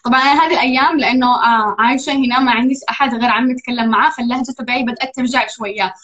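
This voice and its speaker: Yemeni woman w saudi-ish arabic accent, quick high chatter, dull lo-fi stream audio. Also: fairly even intonation, fairly bright tone. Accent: Saudi-tinged Arabic. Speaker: livestream guest. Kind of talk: casual chat. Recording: lo-fi livestream audio.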